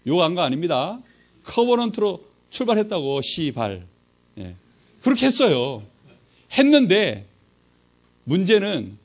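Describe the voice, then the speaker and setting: A middle-aged man with a high voice preaches a sermon, recounting a personal story and performing the voices of the people in it.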